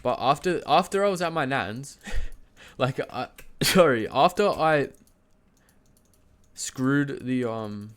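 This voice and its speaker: Streaming from home while sick and congested, a young man casually tells a story to his chat in a nasal, medium-pitched, slightly bright voice. He's animated but slow, with long pauses, lots of fillers and restarts, and laughter breaking into his sentences as he stands and moves about.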